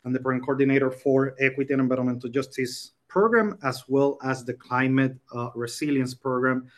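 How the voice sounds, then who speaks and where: Male presenter, forties, from Puerto Rico; halting delivery, video-call sound. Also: medium pitch, fairly even intonation. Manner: hesitant, many ums and uhs. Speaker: program coordinator presenting. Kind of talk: online conference presentation.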